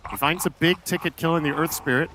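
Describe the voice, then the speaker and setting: A man's voice: a little high, steady tone, quick pace, over music. A man giving color commentary on an esports match, explaining plays in a hedging, conversational way. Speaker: esports analyst.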